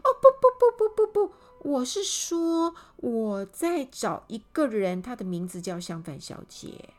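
A woman voicing a tiny, polite, easily flustered little man in a children's storybook, with a high, hesitant voice. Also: moderate pace, mellow, lightly acted.

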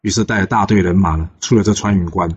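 A man telling a classic tale in a casual, chatty way, with frequent filler pauses, on a dull lo-fi recording. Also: low-pitched, steady tone, slightly rough. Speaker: storyteller. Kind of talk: casual oral storytelling.

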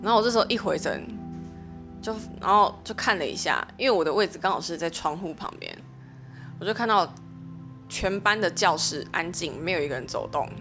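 A woman's voice: fairly low pitch, animated, brisk, fairly bright tone, soft background music. Chatty young woman telling a story. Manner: chatty, rambling retelling with many fillers, flaring up when recounting quarrels. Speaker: podcast host. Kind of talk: personal storytelling monologue.

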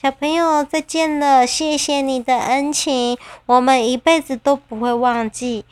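A woman voicing a gang of frightened little wild cats in a storybook read-aloud, with a high, excited, meowing voice. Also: unhurried. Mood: grateful.

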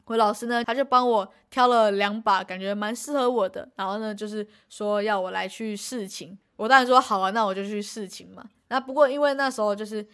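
A woman's voice: medium pitch, fairly quick, hardly any pauses. A young woman, co-hosting a casual podcast and telling a story in a rambling way, with frequent restarts and acted-out quotes. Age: young adult. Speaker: podcast co-host.

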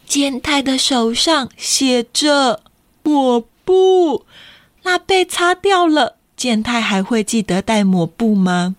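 A woman reading a picture book aloud to children, lively and playful, asking them questions. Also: sits high, slow, no echo. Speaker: storyteller for children.

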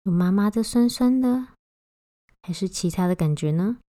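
Slow gentle woman leading a guided body scan meditation, mellow tone, long pauses, really dry close sound. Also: medium pitch, lively intonation, no room sound.

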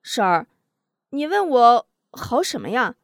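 A woman's voice: fairly high pitch, sing-song, slow pace, gravelly, no room sound, clean studio sound, voice pushed up, full character voice. Fields: Figure: hot-headed young martial artist, voiced by a woman. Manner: urgent. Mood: urgent, excited.

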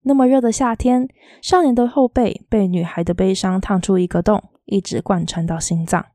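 Woman reading a novel aloud, soft and lilting, mellow warm voice, dry close sound. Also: medium pitch, moderate pace, no echo. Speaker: audiobook reader.

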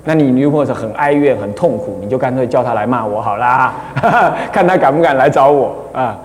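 Chatty Taiwanese monk lecturing in a reverberant hall. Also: male voice, mid-range voice, expressive, a little fast, slight background noise. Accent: Taiwanese Mandarin. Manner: chatty, keeps asking rhetorical "isn't it so?"; laughs at his own stories. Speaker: Buddhist abbot and dharma teacher. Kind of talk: casual dharma lecture.

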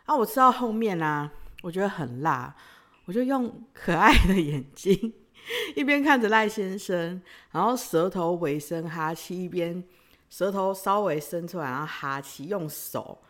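A young woman hosts a podcast. She tells a personal story in a casual, teasing way and often breaks into giggles. Her voice sits a little low but swings through a very wide range. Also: expressive, a little slow. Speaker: podcast host.

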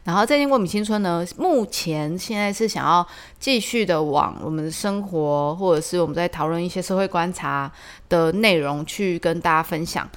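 A woman hosting a casual solo podcast, telling stories in a chatty, animated way with lots of fillers. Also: fairly low pitch, normal speed. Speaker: podcast host.

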